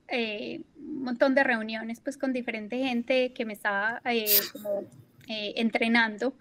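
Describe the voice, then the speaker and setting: A woman's voice: fairly high pitch, fairly bright tone. A young woman from Colombia answering interview questions in a casual, hesitant way, with frequent fillers and restarts. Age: young adult. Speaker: guest, climate risk analyst. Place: at work in Bermuda.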